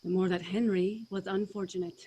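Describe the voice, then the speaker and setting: A woman's voice: mid-range voice, fairly even intonation, fairly quick, dark tone, slightly rough, lightly acted, rough recording. A woman playing an earnest English warrior earl in a staged reading of verse drama, with formal oratory. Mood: earnest pledging. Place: remote video call.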